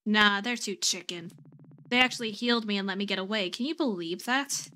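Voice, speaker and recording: A woman's voice: mid-range voice, a little fast, bright, forceful tone, natural voice. A woman voicing a brash, defensive young female fighter in a role-playing game.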